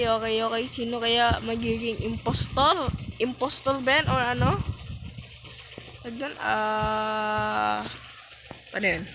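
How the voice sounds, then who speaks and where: A woman giving casual, chatty commentary while playing a game, breaking into sudden high exclamations. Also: noisy background. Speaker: gaming vlogger.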